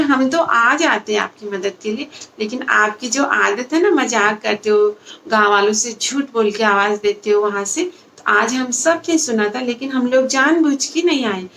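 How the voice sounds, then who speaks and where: A woman voicing the kindly adult villagers of a children's story, speaking slowly and patiently as they explain. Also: fairly high pitch, a bit bright, a little hiss or hum.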